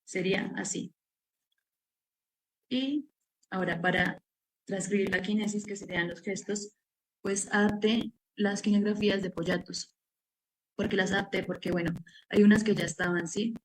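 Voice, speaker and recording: A woman's voice: mid-range voice, fairly even intonation, moderate pace, pauses often, rough recording. Woman explaining her research method. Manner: explanatory, walks through steps with frequent "pues" fillers. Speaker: researcher presenting her study. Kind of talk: academic seminar presentation.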